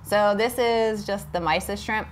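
A woman's voice: mid-range voice, a little slow, slight background noise. Chatty woman demoing aquarium feeding. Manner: chatty, upbeat, lots of fillers. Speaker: co-host of a livestream. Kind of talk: casual livestream demonstration. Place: aquarium studio.

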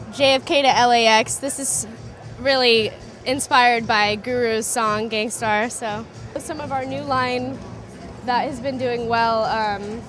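Young woman designer with loud music behind. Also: fairly high pitch. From Southern California. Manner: relaxed, filler-heavy, slightly trailing off. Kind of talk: casual interview at a trade show booth. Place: busy indoor trade show booth. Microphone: handheld interview mic.

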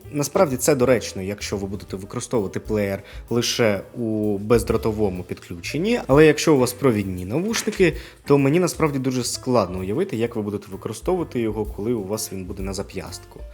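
Talking to camera over background music, a man gives a casual, conversational product review, sprinkling in asides and rhetorical questions. He has a mid-range, slightly mellow voice.

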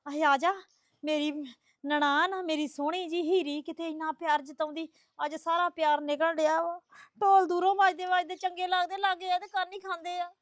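A woman's voice: very high voice, flat delivery, normal speed, no room sound. An actress playing a tearful young married woman who pours out complaints about her in-laws in a comedy skit. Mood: aggrieved.

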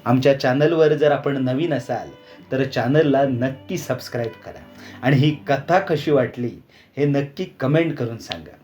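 A man narrating a folk tale in a measured, dramatic storytelling manner, also hosting the channel. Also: medium pitch, darkish tone. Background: faint background music.

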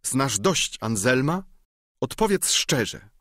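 A man's voice: mid-range voice, very animated, slow, a bit bright, no echo, studio quality, voice pushed up. A man voicing a furious young noblewoman. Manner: vehement, declamatory outbursts. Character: impassioned young noblewoman feigning fury.

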